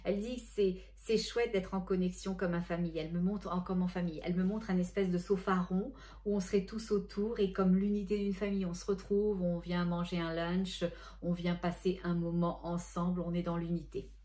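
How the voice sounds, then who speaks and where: Female medium, middle-aged, relaxed warm tone, conversational channeling monologue. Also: fairly low pitch, a little fast. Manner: chatty, self-correcting, relays spirit messages in gentle tones. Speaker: spiritual medium.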